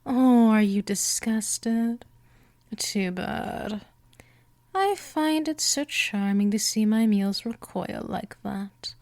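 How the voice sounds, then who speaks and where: A woman in a scripted hypnosis roleplay plays a vampire who is seductive, gentle and dominant, teasing, coaxing and frequently nearing a whisper. She sounds teasing and amused, with a mid-range voice, a slow pace and no echo.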